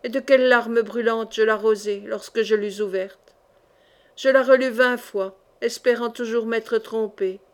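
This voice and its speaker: Une femme qui lit un roman à voix haute, d'une lecture lente et mesurée. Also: female voice, on the high side, fairly even intonation, a little slow. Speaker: audiobook reader. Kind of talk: scripted narration of a novel.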